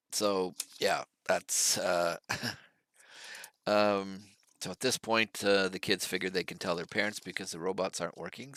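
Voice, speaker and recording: A man's voice: low voice, gravelly, fairly bright tone, dry recording. A man casually recapping a TV episode, rambling with lots of fillers and restarts and dropping wry, dry sarcasm along the way. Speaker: TV episode reviewer.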